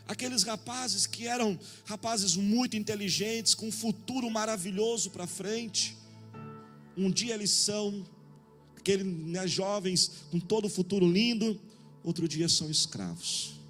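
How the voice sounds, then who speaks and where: A man with a Brazilian Portuguese accent preaching a sermon in a jokey, animated way, acting out little dialogues and calling out to the congregation. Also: high-pitched, measured pace, faint music behind. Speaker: pastor. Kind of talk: sermon with humorous anecdotes.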